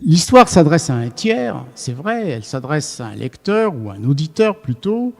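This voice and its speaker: A man's voice: on the high side, sing-song, normal speed, vocal fry. A man giving an academic lecture to a live audience, thinking aloud and often restarting his sentences. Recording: long reverb of a lecture hall.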